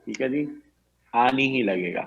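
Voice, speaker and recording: A man's voice: medium pitch, gravelly, fairly bright tone, dull audio. A man teaching an Arabic grammar lesson online, patiently repeating each point and often checking that his students follow.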